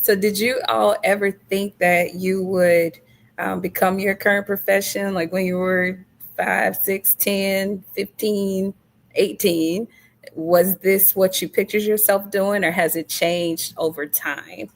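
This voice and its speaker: A woman hosting a panel discussion, affirming her guests and telling animated stories with laughter. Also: mid-range voice, takes it slowly, creaky, slight background noise. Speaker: host.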